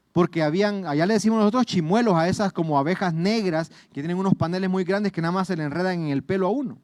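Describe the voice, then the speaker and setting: Salvadoran pastor preaching, high voice. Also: male voice, a little mellow, dry recording, studio quality. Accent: Salvadoran Spanish. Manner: earnest, repeats words and addresses listeners as brothers. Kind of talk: sermon.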